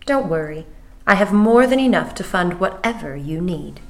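A woman's voice: lowish voice, lively intonation, faint music behind. An actress playing a wealthy, no-nonsense female client who has come to hire a detective. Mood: impatient. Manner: brisk and no-nonsense. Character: wealthy, impatient female client searching for her brother.

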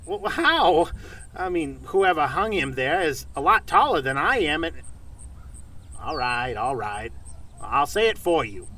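A man playing a very short, cheeky, excitable space traveler in an audio drama, with animated, teasing delivery. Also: on the high side, a little slow, recorded from a distance, exaggerated voice.

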